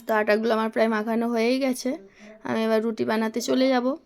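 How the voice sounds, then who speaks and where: A woman's voice: a little high, little pitch movement, quick pace, a little mellow. A young woman, casually narrating her day of household chores as a mother, recorded on a phone. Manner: chatty, homely narration of daily chores. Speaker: vlogger, mother.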